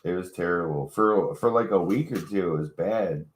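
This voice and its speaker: Deep-voiced dude rambling and swearing through a stoner chat, echoey room. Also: male voice, normal speed, a little hiss or hum. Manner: laid-back, profane, storytelling with acted-out quotes. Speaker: co-host.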